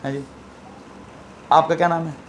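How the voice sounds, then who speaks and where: High-voiced Pakistani teacher quizzing his class. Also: flat delivery, normal speed, a little hiss or hum. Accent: Pakistani Urdu. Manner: conversational, quizzing students with playful asides. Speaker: physics teacher. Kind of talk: classroom lecture.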